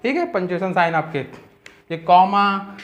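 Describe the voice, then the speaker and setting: A man teaching an English grammar lesson in Hindi, explaining step by step and often checking in with a quick "ठीक है". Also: sits high, animated, a bit bright, highs cut off.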